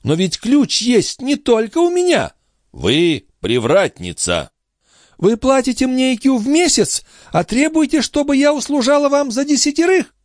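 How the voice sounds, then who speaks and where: A squealing, wheedling old concierge woman, as a man puts her on, her voice leaping high with sugary indignation. It soars and swoops through a wide range. The recording is dry and close. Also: wildly swooping pitch, measured pace, a little mellow, no room sound, full character voice. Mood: shrill indignant. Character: shrill wily old female concierge.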